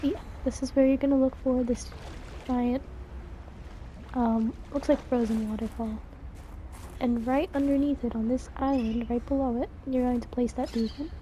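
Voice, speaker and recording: Her fairly high, mellow voice keeps a fairly even intonation at normal speed as she casually guides players through a video game step by step with commentary and instructions. Game sound and slight background noise are present.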